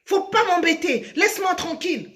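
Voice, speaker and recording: Cheating husband, scornful and shouty, put on by a woman storyteller; bright, high. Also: animated, normal speed. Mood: dismissive. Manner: mocking, scolding, shouting. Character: scornful unfaithful husband on the phone.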